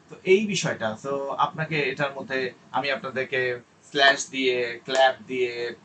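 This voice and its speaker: A man teaching an online language class in Bengali, lively and explanatory, slowly acting out English example phrases with exaggerated intonation. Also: mid-range voice, far from the mic, a little hiss or hum, rough recording. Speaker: IELTS teacher.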